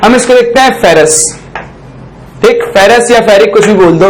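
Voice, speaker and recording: A male teacher explaining a chemistry rule, often asking the class a question and then answering it himself. He stops to dictate phrases slowly for note-taking and keeps checking in with a short "okay". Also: extremely high pitch, low-quality recording. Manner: dictates slowly while writing on a board; ends phrases with a checking "ठीक". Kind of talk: chemistry lesson.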